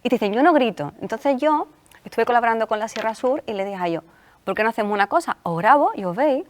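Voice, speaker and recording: A woman with an Andalusian Spanish accent talks quickly in a rather high voice. She is a sports psychologist on a talk show and acts out the people she quotes as she tells her stories. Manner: animated storyteller acting out quoted coaches.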